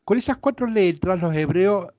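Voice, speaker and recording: A man's voice: high voice, lively intonation, normal speed, darkish tone, highs cut off, slight background noise. A man with a Rioplatense Spanish accent, a priest teaching a Bible class, explaining patiently and often checking that listeners follow. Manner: explanatory, frequent checks like ¿sí? and ¿ven?.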